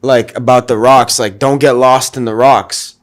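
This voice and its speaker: A man's voice: mid-range voice, steady tone, a little slow. A man in a casual chat, recounting a hike in slangy, filler-heavy speech. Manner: slangy, filler-heavy, says "bro" and "you know". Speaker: hiker recounting a climb.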